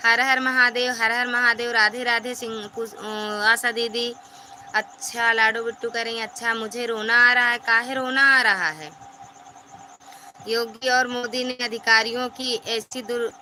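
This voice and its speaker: A woman's voice: fairly high pitch, sharp tone, slight background noise. A woman, hosting a live stream and chattily reading out and thanking viewers' comments by name.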